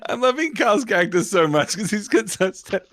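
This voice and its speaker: A man's voice: high-pitched, very animated, fairly quick, fairly bright tone, no room sound, studio quality. A man chatting casually as a player in a tabletop role-playing game.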